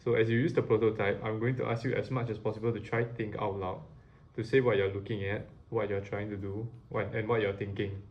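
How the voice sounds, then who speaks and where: A man's voice: on the low side, level tone, fairly quick, muffled recording. A man moderating a usability test, reading out a briefing and task instructions.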